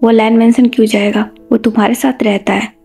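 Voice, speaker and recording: A stern, protective mother scolds her family out of worry, as a woman reads her lines. The voice sits a little high with a mellow, dark tone. Her talk stays insistent and firm. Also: little pitch movement, fairly quick, vocal fry, husky, faint music behind. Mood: scolding. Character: stern worried mother, protective and quick to anger.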